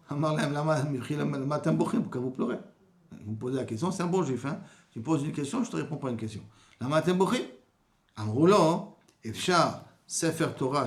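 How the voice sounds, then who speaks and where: A man giving a Talmud class, reading Aramaic phrases and explaining them in casual French. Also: on the high side. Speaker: rabbi teaching Talmud. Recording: echoey room.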